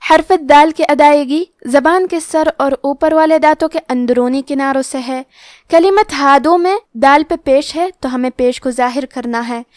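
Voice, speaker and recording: A woman teaching Quran recitation rules, explaining each letter and rule slowly and carefully. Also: sits high, dry recording, clean studio sound. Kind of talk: tajweed lesson explanation.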